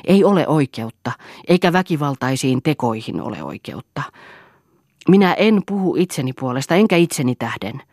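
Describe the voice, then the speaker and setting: A woman's voice: deep voice, lively intonation, a little mellow, no room sound, clean studio sound. A woman voicing a firm, cool-headed wife in an audiobook, speaking earnestly and with a moralizing tone. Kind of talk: audiobook character reading.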